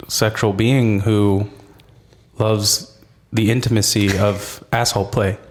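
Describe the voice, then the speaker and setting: A man's voice: lowish voice, flat delivery, slow pace, noisy background. A man co-hosting a podcast, ranting with emphasis and plenty of swearing in casual chat. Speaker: podcast co-host.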